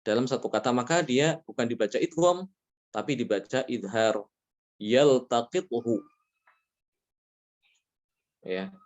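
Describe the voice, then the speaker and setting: A man teaching a Quran recitation lesson, explaining rules patiently, checking in with frequent "ya" and chanting Arabic examples slowly. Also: mid-range voice. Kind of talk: religious lesson on tajweed rules.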